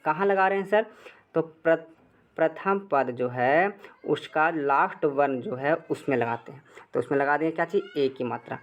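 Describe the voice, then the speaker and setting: A man's voice: mid-range voice, normal speed, muffled recording. A man with a Bihari Hindi accent teaches a grammar lesson at the board. He keeps asking short questions and answering them himself, in a repetitive call-and-answer way.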